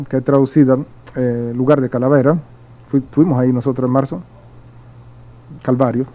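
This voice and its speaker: A man's voice: mid-range voice, dark tone, rough recording. A man pastor preaching a midweek sermon, reading Bible verses aloud and explaining them with repeated emphasis, with occasional slips and restarts.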